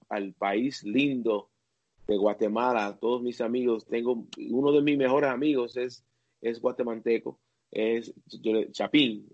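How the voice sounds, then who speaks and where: A man, a worship leader and singer, talking casually as an interview guest and pausing often with fillers and restarts. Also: mid-range voice, darkish tone, muffled recording. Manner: halting, many fillers and restarts.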